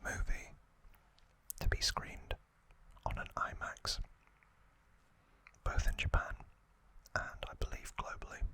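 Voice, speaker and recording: Leaning in close to the mic, a man runs an ASMR trivia session in a breathy, voiceless whisper. He stretches out his phrases and pauses often, and his tone has a sharp edge.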